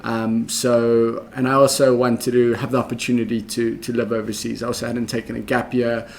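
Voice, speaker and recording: A young adult man with a South African accent, a guest in a conversational interview, explaining his career path in a measured, methodical way with frequent ums. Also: mid-range voice, little pitch movement, vocal fry.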